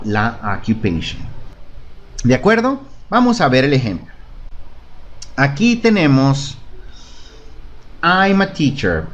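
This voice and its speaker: The audio is dull, carrying a man's mid-range voice as he leads a beginner English lesson online, speaking Spanish. Patient throughout, he models phrases to be repeated and keeps checking in with "¿De acuerdo?".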